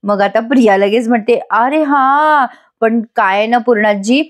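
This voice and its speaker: A woman's voice: fairly high pitch, steady tone, normal speed. A woman with a Marathi accent giving a chatty voice-over recap of a TV serial, laughing often and reading out the characters' lines. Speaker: serial review narrator.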